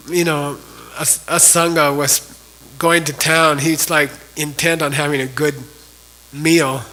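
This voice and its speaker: A man's voice: a little high, pushed and bright, poor audio. A man teaching a class, telling a story in a loose, chatty way full of "you know". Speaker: Buddhist teacher.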